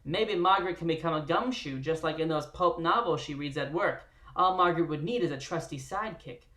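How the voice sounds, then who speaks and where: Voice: mid-range voice, a little fast, bright, forceful tone, reverberant, natural voice. Host putting on a theatrical 1920s radio announcer. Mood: dramatic. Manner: theatrical, punchy announcer delivery. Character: old-timey 1920s radio announcer narrator.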